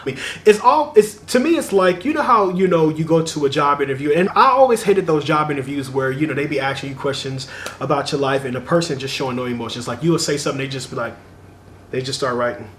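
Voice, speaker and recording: High, animated young man giving dating advice. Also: fast talker, slight background noise. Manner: animated, chatty, laughs while talking. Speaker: dating vlogger. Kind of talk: casual advice vlog.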